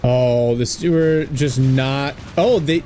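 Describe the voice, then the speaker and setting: A man casting a strategy game in a relaxed, chatty way, laughing often and slipping into jokey voices. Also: medium pitch, slow, a little hiss or hum. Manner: laughs often, drops into a mock German voice. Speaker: game caster. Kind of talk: casual game commentary.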